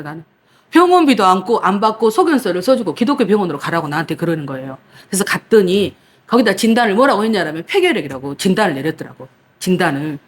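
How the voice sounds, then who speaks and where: A woman pastor preaching, telling a personal story in a lively, dramatic way, acting out her own past cries and protests. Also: mid-range voice. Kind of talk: sermon with personal testimony.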